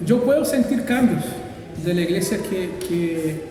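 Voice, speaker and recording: A pastor who grew up in Brazil, answering interview questions in a thoughtful, hesitant way with many fillers. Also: male voice, high voice, expressive, measured pace, heavy reverb, big-room sound, recorded from a distance, music in the background, low-quality recording.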